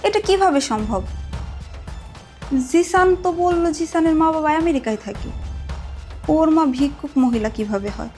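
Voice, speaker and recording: A woman playing a shrill furious young wife. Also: expressive, moderate pace, pauses often, faint music behind. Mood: suspicious. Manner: demanding, shouting, scolding. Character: young wife, suspicious and hot-tempered, furious. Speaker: actress in a family drama. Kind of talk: Bangla TV drama acting.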